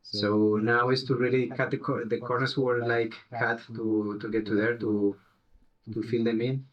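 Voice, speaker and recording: A man's voice: medium pitch, little pitch movement, dull audio. A man guesting on a podcast, explaining security thoughtfully with frequent halts and restarts. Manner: thoughtful, halting, many restarts while explaining. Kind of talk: casual interview chat.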